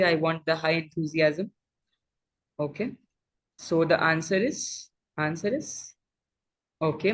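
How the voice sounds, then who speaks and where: A mid-pitched exam coach of unclear sex with an Indian accent, teaching interactively online, mixing English with Hindi, repeating phrases and often checking that students follow. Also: husky, poor audio. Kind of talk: interactive lecture, quizzing students. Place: live online class over video call.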